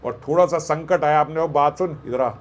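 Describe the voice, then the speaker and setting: A man telling a devotional katha as a sermon, animated, acting out voices and joking with listeners. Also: a little high, fairly quick, a little hiss or hum. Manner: animated, acts out voices and jokes with the audience. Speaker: katha storyteller.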